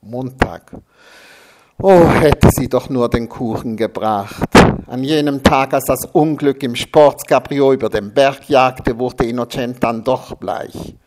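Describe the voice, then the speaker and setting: A man's voice: medium pitch, slow, very noisy. A man reading a humorous first-person story aloud, with a sardonic, dryly mocking delivery. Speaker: narrator.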